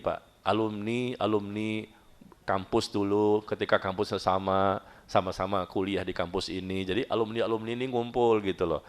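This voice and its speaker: A middle-aged man preaching a humorous sermon to a study gathering, joking and often jumping high in pitch for emphasis. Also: vocal fry.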